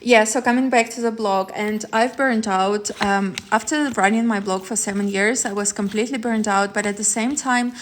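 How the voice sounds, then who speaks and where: A woman talks to viewers on a live tarot stream, rambling and restarting often. Her pitch sits in an ordinary middle range. A faint hiss runs under her phone-mic voice. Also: fairly even intonation, moderate pace, few pauses. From Ukraine. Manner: chatty, rambling, laughs often, many fillers and restarts. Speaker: tarot reader.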